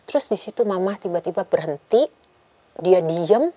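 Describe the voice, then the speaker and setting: A woman guest on a talk show telling an emotional personal story in earnest, dropping in English phrases and building up with quick repeated phrases. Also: lowish voice, warm tone, breathy edge, no echo.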